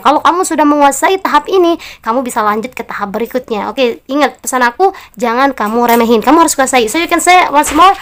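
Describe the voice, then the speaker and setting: Female English teacher, Indonesian accent, high voice, encouraging, models each word slowly. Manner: slow, drawn-out model pronunciations; friendly and encouraging, addresses learners directly. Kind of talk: online English lesson for beginners.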